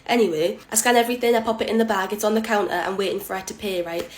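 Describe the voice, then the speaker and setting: A woman works through a storytime rant about her job at the till. Her delivery is sarcastic and animated. She jumps from loud outbursts to hushed asides, with her voice sitting at a medium height. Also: racing, a little hiss or hum. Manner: animated, sarcastic, swings between loud bursts and low asides. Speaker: shop cashier. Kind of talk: storytime monologue.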